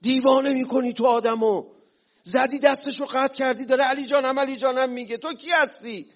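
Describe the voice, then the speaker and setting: A man voicing an angry, jealous man who shouts accusations in a told story. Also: very high voice, steady tone, voice pushed up. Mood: indignant. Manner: shouting, incredulous.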